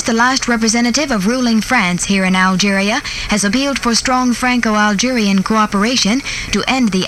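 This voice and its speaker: A woman newsreader delivers a formal, measured bulletin in the old newsreel manner of early 1960s radio. Her pitch is mid-range, and the vintage recording carries some faint noise. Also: a bit bright, rough recording.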